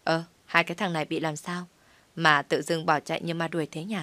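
A woman's voice: deep voice, level tone, brisk, pushed and bright, no room sound. A woman voicing a blunt, middle-aged tea stall owner who grumbles at two runaway customers. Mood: grumbling.

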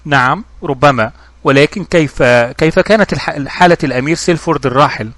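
Man reading a young investigator, shrewd, calm, measured, quick delivery, storybook. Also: on the high side, no echo, lightly acted.

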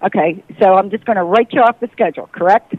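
A woman's voice: medium pitch, fast, no room sound. A woman posing as someone's boss on a prank phone call, heard over the phone and repeating the same insistent lines. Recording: muffled phone line.

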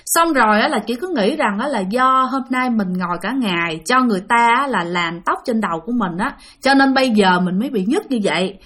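A woman's voice: a little high, lively intonation, fairly quick, few pauses, a bit bright. A woman with a Southern Vietnamese accent narrating a ghost story in a chatty way, speaking to her listeners directly and repeating words for effect.

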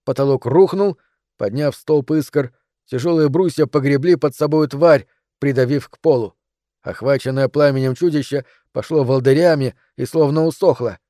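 A man narrating an audiobook in a measured, dramatic reading. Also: mid-range voice, mellow, no room sound, clean studio sound. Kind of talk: scripted narration.

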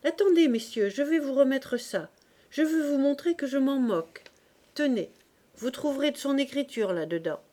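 A woman voicing a hot-tempered young market fishwife who bursts out in shrill, indignant tirades. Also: a little slow, mellow, lightly acted. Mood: scornful. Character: fiery young woman fishmonger, quick to rage.

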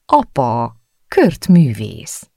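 Guy reading as a sulky rebellious teen girl, pitched up, kinda gravelly underneath, dry close sound. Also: huge pitch swings, mellow, dry recording, exaggerated voice. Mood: surprised. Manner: pleading, sighing, sometimes whispering.

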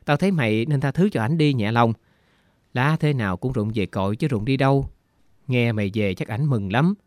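A man's voice: mid-range voice, moderate pace, dry recording, clean studio sound, natural voice. A man reading the part of a caring woman, a loyal old friend, speaking in a coaxing, reassuring way. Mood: soothing.

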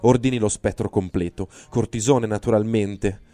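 A man's voice: fairly low pitch, fairly even intonation, moderate pace, dark tone, faint music behind, lightly acted. A man voicing an irritable, squeamish male hospital doctor in an audiobook reading, snapping out his orders. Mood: disgusted. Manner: snappish, disgusted.

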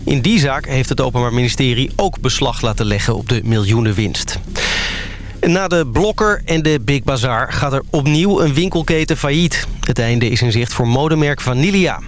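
A man's voice: mid-range voice, expressive, normal speed. Dutch male newsreader over background noise. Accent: Netherlands Dutch. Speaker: radio newsreader. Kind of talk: scripted news bulletin with weather.

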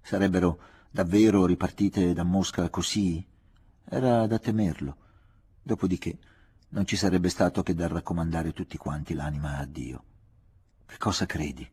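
A man with a husky voice narrating a literary novel as an audiobook, measured, reflective and restrained. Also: low voice, warm tone. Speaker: audiobook reader.

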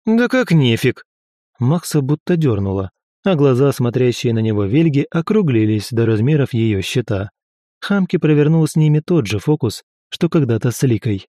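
In a dry, studio-quality recording, a man with a mid-range voice narrates a fantasy audiobook in an even, measured storytelling style.

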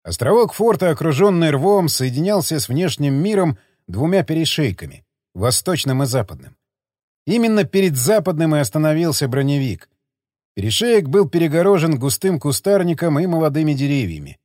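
Expressive male audiobook narrator. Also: on the high side, normal speed, no room sound, clean studio sound. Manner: expressive, dramatic reading.

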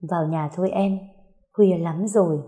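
A woman voicing a gentle, caring young man who soothes a grieving woman in a soft, slow way, as part of a story reading. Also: lowish voice, steady tone, close to an everyday voice.

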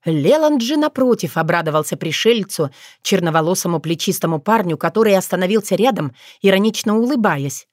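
A woman narrating an audiobook in a measured, expressive storytelling manner. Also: on the low side, no echo, studio quality.

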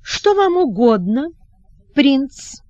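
A woman voicing a quiet, bored young lady-in-waiting in an audiobook. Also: high-pitched, big pitch swings, extremely slow, dry recording, dull audio, pitched above the performer's own voice, exaggerated voice. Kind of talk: audiobook character reading.

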